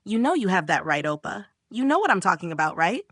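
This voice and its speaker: Smug teasing young woman, voiced by a woman, crude, mocking, lively pitch, dry sound. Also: quick pace, no echo.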